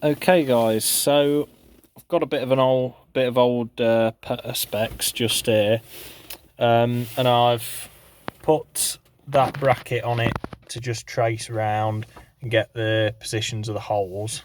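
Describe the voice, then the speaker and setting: In a casual phone-filmed how-to vlog, a farm vlogger demonstrates a DIY installation and talks through it informally and matter-of-factly. His mid-range voice stays level in tone, and he takes things slowly.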